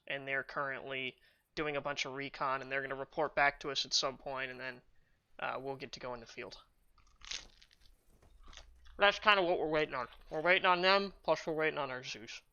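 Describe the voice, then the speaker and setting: A man's voice: mid-range voice, smooth. Chatty man over dull lo-fi chat audio. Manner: relaxed, chatty. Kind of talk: casual voice chat.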